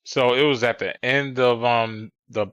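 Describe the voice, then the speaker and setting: A man's voice: medium pitch, steady tone, measured pace, fairly bright tone, clear, resonant tone, dry recording. A man streaming a game, commenting and reading aloud as he goes. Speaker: streamer playing a detective game. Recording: dull lo-fi sound, music behind.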